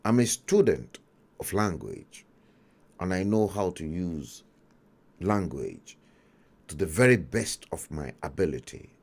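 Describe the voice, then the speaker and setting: A middle-aged Nigerian man with a Nigerian accent, telling a story in an emphatic livestream monologue with dramatic pauses. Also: sits low, very animated, gravelly, a little mellow, breathy edge. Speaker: talk show host.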